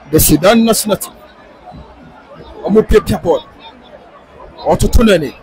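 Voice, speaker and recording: A man with a Ghanaian accent giving live football commentary, excitable and sing-song, rising into shouts on attacks. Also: high-pitched, slight background noise, poor audio. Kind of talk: live match commentary mixing English and Twi.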